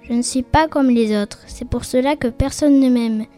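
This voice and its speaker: A woman's voice: high voice, moderate pace, warm tone, soft background music, lightly acted. A woman voicing a shy, clumsy, sad young duckling in a storybook reading, speaking timidly and plaintively.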